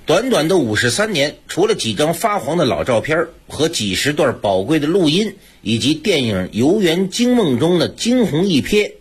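A man hosting a radio program, speaking in a measured, reflective manner to listeners. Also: on the high side, very animated, husky. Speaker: radio host.

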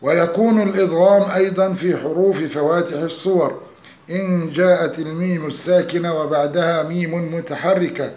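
Guy reading out a tajweed lesson, slow and measured, lo-fi sound. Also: fairly even intonation. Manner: measured, slows to recite examples with nasal humming. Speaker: tajweed teacher. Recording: echoey dull low-fi room recording.

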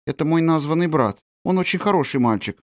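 A man's voice: fairly high pitch, animated, brisk, no echo, clean studio sound, voice pushed up, lightly acted. A man reading an audiobook, voicing an honest, earnest little orphan girl with a serious tone. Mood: wondering. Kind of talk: audiobook character voice.

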